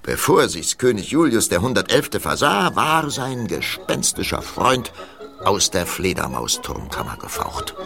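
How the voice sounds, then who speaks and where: A dramatic storyteller for a children's ghost play. His lowish voice rises and falls with huge animation through ornate storybook sentences, with music behind. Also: big pitch swings, a little slow, gravelly, full character voice. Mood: dramatic, suspenseful. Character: vivid male storyteller of a ghost tale. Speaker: narrator. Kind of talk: scripted children's audio play narration.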